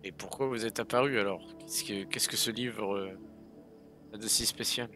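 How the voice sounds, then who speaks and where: A man's voice: fairly low pitch, steady tone, normal speed, pushed and bright, faint music behind. A man playing in a tabletop game, chatting playfully and speaking as his character. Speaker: player. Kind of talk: casual chat and in-character play in a tabletop game.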